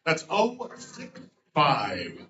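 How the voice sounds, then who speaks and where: A man's voice: a little high, wildly swooping pitch, sharp tone. Joking man calling bingo, roomy lo-fi. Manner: playful, punning lead-ins before each number, repeats the digits slowly. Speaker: bingo caller. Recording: roomy, dull lo-fi sound.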